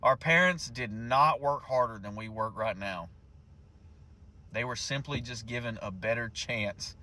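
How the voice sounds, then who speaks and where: A man's voice: medium pitch, unhurried. A man speaking to camera in a frustrated, impassioned way, with casual slang. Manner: frustrated, forceful, slang (brother, dude).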